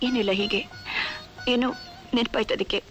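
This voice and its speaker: An actress playing a young bride torn from her family, speaking softly and pleading through tears. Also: fairly high pitch, fairly even intonation, moderate pace, natural voice. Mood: tearful. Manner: soft, tearful, pleading. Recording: film soundtrack with music under. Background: film score music.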